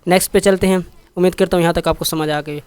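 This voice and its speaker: A man's voice: high-pitched, fairly even intonation, quick pace, clear, resonant tone, dry recording. A man explaining a textbook exercise in Urdu with English terms, patiently repeating words and checking that students follow. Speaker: teacher.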